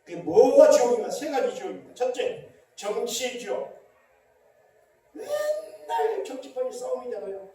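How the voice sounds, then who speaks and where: A middle-aged Korean pastor preaching a sermon with emphatic rhetorical questions, recorded in a large church hall. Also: male voice, very high-pitched, sing-song, moderate pace, mellow, slight background noise. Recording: very echoey church hall, distant mic.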